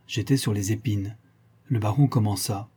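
A man reads a classic novel aloud in a measured, literary way. His voice is dark and mellow with a husky grain. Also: lowish voice. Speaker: audiobook reader.

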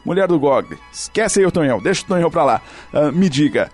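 Exasperated male radio host, high voice. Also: brisk, slightly rough. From Paraná, Brazil. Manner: exasperated, indignant and animated. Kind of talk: comic radio sketch. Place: radio studio. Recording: radio broadcast with music bed.

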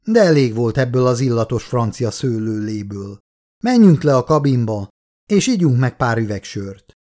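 A male audiobook reader voicing a gruff, blunt foreman who swears and wants to get drunk. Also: mid-range voice, expressive, a little mellow, close to an everyday voice. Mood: rowdy. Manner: blunt, rowdy. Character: gruff hard-drinking male foreman boss.

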